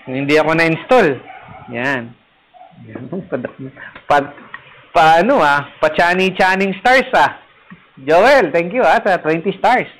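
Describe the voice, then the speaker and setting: Male parish priest, casual livestream host; light, somewhat high voice; playful and teasing. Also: a bit bright, rough recording. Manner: playful, teasing, laughs at own jokes. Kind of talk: casual livestream chat reading viewer comments. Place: rooftop garden, third floor.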